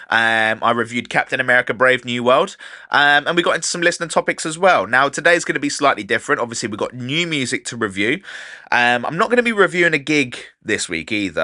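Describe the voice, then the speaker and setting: Chatty, lively man hosting a podcast. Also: mid-range voice, no echo, studio quality. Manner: chatty, animated, swears casually. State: wired on coffee, speaking fast. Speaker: podcast host and DJ. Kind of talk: casual solo podcast monologue.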